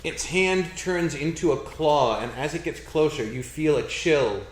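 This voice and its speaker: A man with a fairly high voice narrates a tabletop game as its game master. He makes it up as he goes, with halting phrasing, and the room echoes clearly around him. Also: lively intonation, a little hiss or hum.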